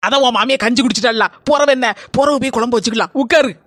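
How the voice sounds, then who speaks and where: A woman's voice: on the high side, quick pace, a bit bright, no echo, clean studio sound. A woman with a Kanyakumari Tamil accent voicing a friendly, chatty village neighbor in a cartoon.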